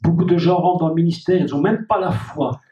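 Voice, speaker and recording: Captured by a distant mic in an echoey hall, the dull recording features a man preaching as pastor, speaking fairly quickly in a fairly high, mellow voice. He repeats key phrases and speaks straight to the congregation.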